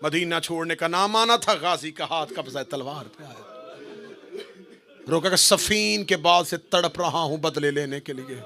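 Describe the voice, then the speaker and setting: Male cleric for a mourning sermon: high, gravelly voice with slow, impassioned recitation that swells to a wail. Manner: impassioned, builds to loud wailing delivery.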